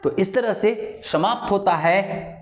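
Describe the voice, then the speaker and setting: A man's voice: high-pitched, takes it slowly, echoey room. A male teacher giving an explanatory lecture, playful and acting out little scenes and voices to make the point. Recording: dull lo-fi recording.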